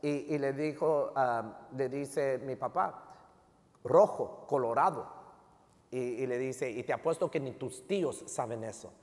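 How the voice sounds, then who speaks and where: A man's voice: medium pitch, unhurried. A middle-aged man preaching a sermon as pastor, with a Mexican American accent, joking and peppering his Spanish with English tags. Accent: Mexican American Spanish with English code-switching. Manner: lively, joking, switches often into English tags like "right?". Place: church sanctuary. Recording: long reverb of a church hall.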